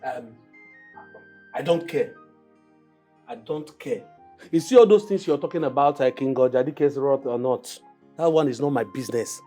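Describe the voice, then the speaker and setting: A man's voice: medium pitch, moderate pace, pauses often, mellow, faint music behind, natural voice. An actor with a Nigerian accent playing a defiant, hot-headed young man in a film drama, brash and confrontational. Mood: grumbling, stubborn.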